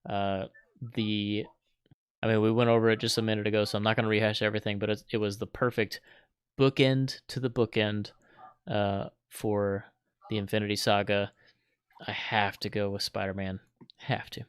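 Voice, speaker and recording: A man's voice: on the low side, flat delivery, moderate pace, clear, resonant tone, no room sound, clean studio sound. A man co-hosting a casual podcast debate, earnest and emphatic, repeating his points. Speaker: podcast co-host.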